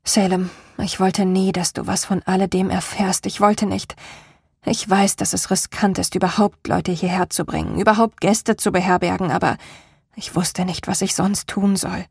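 A woman reading the part of a haunted, determined young woman in measured, weary tones. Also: medium pitch, fairly even intonation, gravelly, a little mellow, breathy edge, no room sound, clean studio sound. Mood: grim. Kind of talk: audiobook character reading.

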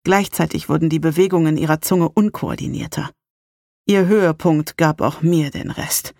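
A woman narrating a first-person erotic story in a calm, intimate reading style. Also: deep voice, moderate pace, no echo, studio quality. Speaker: audiobook narrator.

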